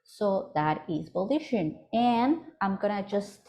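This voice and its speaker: A project coordinator from Ecuador presents a webinar over a video call from her home office in Vancouver, speaking with an Ecuadorian Spanish accent. Her medium-pitched, dark-toned voice is expressive and unhurried. She sounds hesitant, full of fillers and self-corrections.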